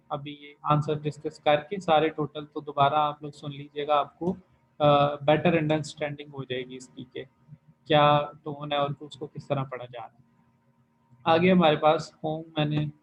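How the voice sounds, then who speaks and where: A man's voice: fairly high pitch, lo-fi sound. Patient man teaching an online class. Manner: patient, checks students' answers one by one. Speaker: Chinese language teacher.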